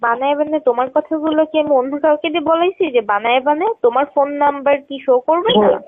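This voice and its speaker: A woman on the phone, her voice high and quick, with no room sound on a tinny narrowband line. As the caller in a heated exchange, she presses insistently and repeats her questions.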